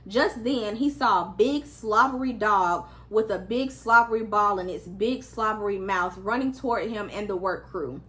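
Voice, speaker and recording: A woman's voice: mid-range voice, normal speed, few pauses, fairly bright tone. A woman reading a children's story aloud as a storyteller, acting out the characters' lines expressively.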